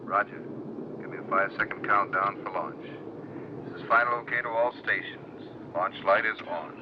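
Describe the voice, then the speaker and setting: An actor playing a composed rocket-plane test pilot, speaking tersely over a helmet radio. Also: male voice, fairly low pitch, normal speed. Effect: helmet radio transmission. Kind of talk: clipped radio procedure talk. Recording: dull lo-fi radio, clear aircraft noise.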